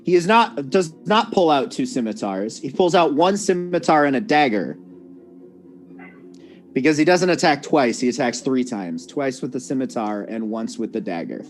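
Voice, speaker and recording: A man running a tabletop game as game master, narrating the action with a relaxed, laughing manner and frequent self-corrections. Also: mid-range voice, moderate pace, soft background music. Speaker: dungeon master.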